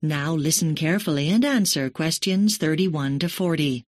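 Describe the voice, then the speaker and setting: Woman, exam announcer, lowish voice, slow formal read, dry studio sound. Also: no echo. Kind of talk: scripted test instructions.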